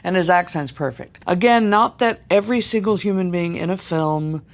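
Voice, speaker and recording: Coach, mid-pitched voice, precise teaching delivery with slowly demonstrated vowels. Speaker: dialect coach. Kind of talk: instructional coaching with demonstrated sounds.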